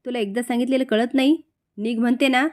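Scheming young woman, whiny and accusing, read by a woman narrator with a fairly high voice. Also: fairly even intonation, quick pace, darkish tone, close to an everyday voice. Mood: scornful. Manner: accusing, melodramatic.

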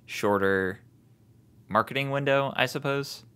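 A man's voice: medium pitch, measured pace, pushed and bright, clear, resonant tone. A young man co-hosting a podcast, laid-back and joking in casual chat. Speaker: podcast co-host.

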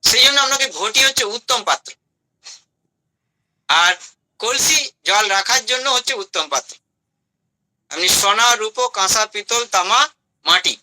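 A man with a high, very bright and piercing voice gives a health talk to an audience. He is emphatic, rattles off items in short bursts and keeps asking rhetorical questions. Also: low-quality recording. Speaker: health speaker.

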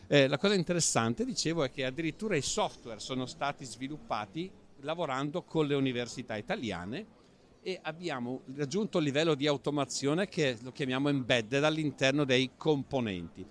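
A man's voice: medium pitch, expressive, moderate pace. A man guiding visitors through a factory automation demo at an indoor trade fair stand, explaining as he goes with fillers and restarts. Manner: explanatory tour-guide talk with fillers. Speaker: company representative guide.

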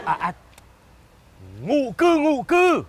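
A man's voice: extremely high pitch, very animated, slow, dry recording, a faint crowd, full character voice. Fussy old village man. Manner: scolding, lecturing with proverbs. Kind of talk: comedy sketch acting.

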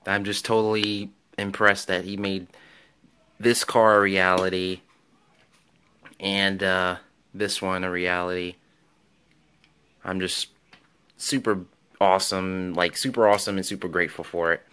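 A man's voice: sits low, level tone, measured pace, pauses often, sharp tone, smooth. A man casually showing off his toy car finds in a vlog, rambling and enthusiastic, with many ums and restarts. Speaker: toy car collector vlogger. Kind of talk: casual show-and-tell vlog.

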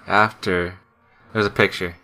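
A young man co-hosting a casual podcast, talking slowly and working his way through a story with fillers and restarts. His voice sits a little low, with a bright, forceful edge. He keeps it loose and conversational. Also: steady tone. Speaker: podcast co-host.

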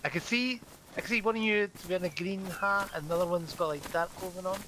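Man, heavy Scottish accent, slightly high voice, rapid casual game chat, repeated phrases, busy background. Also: bright, forceful tone, slight background noise. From Scotland. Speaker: online game player.

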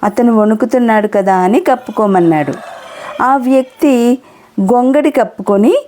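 A woman teacher, telling a moral story to children in a clear, explanatory way. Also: a little high, moderate pace, mellow. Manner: clear, explanatory, glosses local words. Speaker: Telugu teacher.

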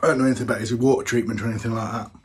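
A man's voice: lowish voice, steady tone, rapid-fire, slight background noise. A man, chatting casually as he tastes a homebrewed beer in a small home brewing room, thinking aloud with plenty of fillers. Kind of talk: casual tasting vlog.

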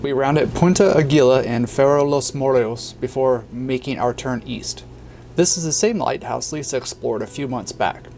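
A middle-aged man reading a calm, matter-of-fact narration of a sailing trip. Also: mid-range voice, normal speed, gravelly, faint music behind. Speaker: sailing vlogger. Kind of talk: scripted voice-over narration.

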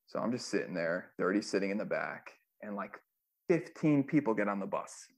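A man's voice: lowish voice, very animated, normal speed, vocal fry, darkish tone. A man, a former music manager, telling stories in a casual interview, loose and profane with lots of fillers. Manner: loose, profane storytelling with many fillers and acted quotes.

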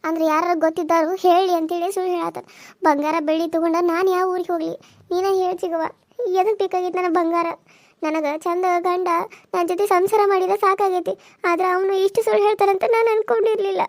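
A wronged young village wife from a cartoon serial, voiced by a woman, pleading in a very high, quick voice. She speaks with a North Karnataka Kannada accent and sounds aggrieved and close to tears. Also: flat delivery.

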